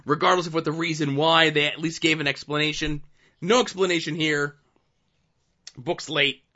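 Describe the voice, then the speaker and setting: A man's voice: on the high side, fairly even intonation, normal speed, sharp tone, highs cut off. A man co-hosting a comic book podcast, chatting casually and enthusiastically with a lot of fillers. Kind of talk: casual chat reviewing comics.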